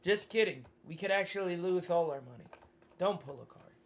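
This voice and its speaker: A man in a tabletop game, playing his character in a brash, excitable way. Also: high voice, fairly quick. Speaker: player.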